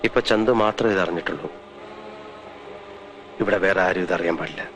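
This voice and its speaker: An actor playing a sharp-witted psychiatrist who teases and questions a young man in a 1990s film drama. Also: high-pitched, very animated, quick pace, music in the background. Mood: grave. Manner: teasing, then grave and hushed.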